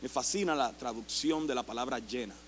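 A middle-aged man preaching a sermon as pastor, impassioned and rising to shouts. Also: mid-range voice, fairly quick, slight background noise. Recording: long hall reverb.

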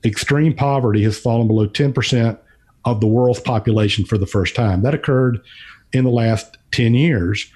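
Male podcast commentator, relaxed dark tone, mid pitch, halting conversational delivery. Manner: halting, repeating words as he thinks aloud. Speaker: podcast's featured financial commentator.

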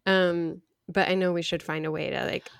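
A young adult woman with vocal fry, chatting casually as a podcast co-host in a wry, self-deprecating way. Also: on the low side, little pitch movement, moderate pace, dry recording.

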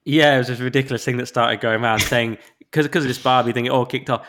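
A man co-hosting a podcast, chatting in a quick, mocking, sarcastic way. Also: medium pitch, fairly even intonation, a bit bright, slight background noise. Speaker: podcast co-host. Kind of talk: casual political chat.

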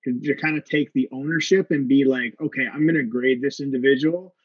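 A man's voice: mid-range voice, fairly even intonation, brisk, husky, no room sound, muffled recording. A man in his late thirties, a jiu-jitsu instructor, talking casually on a podcast and rambling with many fillers and restarts. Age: 30s.

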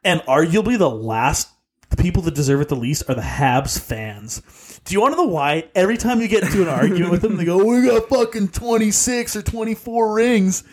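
A young man co-hosting a casual sports podcast, excitable, swearing and quick to laugh. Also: a little high, husky. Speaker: podcast co-host.

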